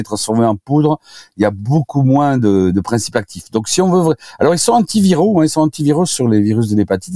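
A man speaking as a doctor on a radio show, giving informal health advice in a halting way, often repeating and restarting words. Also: mid-range voice, dark tone, no room sound, studio quality.

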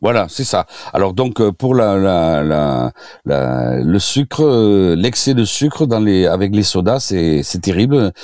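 A man speaking as a doctor on a radio show, giving informal health advice in a halting way, often repeating and restarting words. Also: deep voice, sing-song, darkish tone, no echo, studio quality.

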